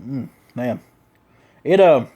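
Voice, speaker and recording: A man's voice: mid-range voice, animated, slow pace, dark tone, breathy edge, dull audio. A man with a Southern US accent giving a casual, rambling, slangy review, talking around a lip packed full of dipping tobacco. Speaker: product reviewer.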